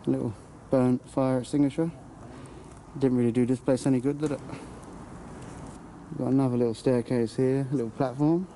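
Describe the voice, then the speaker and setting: Filming on a handheld camera inside a dark, fire-gutted abandoned building, a young Englishman gives casual exploring commentary full of crude humour and frequent swearing. His voice is medium-pitched and warm, with fairly even intonation at a normal pace, and the audio is noisy.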